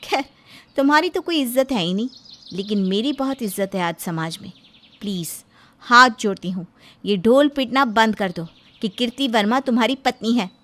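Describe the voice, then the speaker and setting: A proud young woman officer talks down to her family, cool and dismissive, as a woman storyteller puts her on. Her voice is fairly high and clipped with self-importance. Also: expressive, moderate pace, fairly bright tone. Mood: haughty. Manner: haughty, dismissive. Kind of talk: Hindi storybook voice acting.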